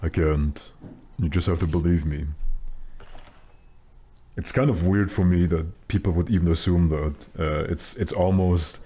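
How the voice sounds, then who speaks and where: A man with a very deep voice chatting casually with his stream viewers while gaming, in a joking, mock-serious way. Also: fairly even intonation, measured pace, long pauses, warm tone, slightly rough. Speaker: live game streamer.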